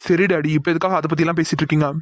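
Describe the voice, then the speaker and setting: A man's voice: a little high, level tone, racing, no echo, lightly acted. A man voicing a confused young man in a cartoon, questioning his father. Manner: puzzled, questioning. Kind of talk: cartoon voice acting.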